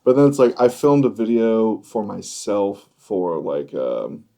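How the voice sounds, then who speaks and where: Mellow, low-voiced Michigan man chatting. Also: big pitch swings, a little slow, creaky. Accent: Michigan, Great Lakes. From Michigan, United States. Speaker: podcast co-host, video and LED wall professional. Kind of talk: casual chat.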